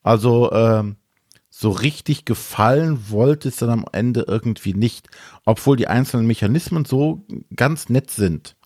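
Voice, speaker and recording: A man co-hosting a board game podcast, giving a hesitant, measured critique in casual chat. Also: mid-range voice, darkish tone, dry recording, studio quality.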